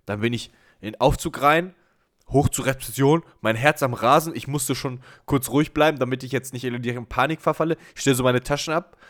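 A man co-hosting a casual podcast, telling an anecdote in an animated way and acting out bits of dialogue. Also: mid-range voice. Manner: animated, acts out dialogue, quick asides. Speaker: podcast co-host. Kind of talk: casual storytelling chat.

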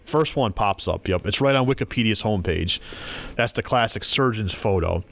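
A man's voice: fairly low pitch, animated, normal speed, gravelly, a bit bright. A man co-hosting a podcast in casual chat, telling stories with animation and reading quotes aloud. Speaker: podcast co-host.

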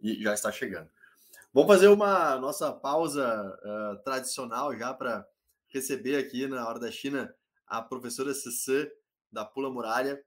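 A man's voice: medium pitch, normal speed. A man hosting a talk show, chatting in a casual way and introducing a guest segment. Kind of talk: casual chat.

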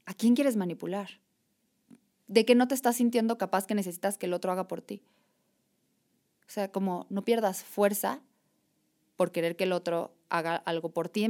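Woman guest, animated reflective conversational delivery. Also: mid-range voice. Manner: animated, reflective, repeats "o sea" and "¿sabes?". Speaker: podcast guest. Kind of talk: casual conversation.

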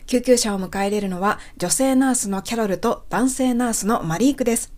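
A woman with a fairly high voice hosts a spoken English lesson. She explains each phrase patiently and carefully, step by step, like a teacher on a radio show. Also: brisk, a little mellow.

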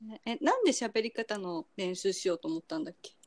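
A woman's voice: medium pitch, big pitch swings, fairly quick, a little mellow, dry recording. Chatty young woman, dry close sound. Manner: chatty, laughs often. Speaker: podcast co-host. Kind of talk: casual chat. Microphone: remote call recording.

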